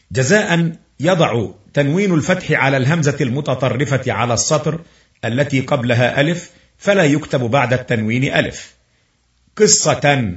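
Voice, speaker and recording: Male teacher, careful reader with pauses, roomy lo-fi recording. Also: mid-range voice. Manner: reads the text slowly and carefully, with filler pauses. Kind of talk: reading a book aloud as a lesson.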